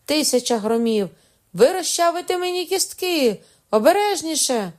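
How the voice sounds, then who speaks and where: A woman's voice: low-pitched, moderate pace, darkish tone. A woman reading aloud and voicing a defiant young male nobleman under torture, who mocks his questioners and yelps in pain. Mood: howling pain. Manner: mocking, then howling in pain.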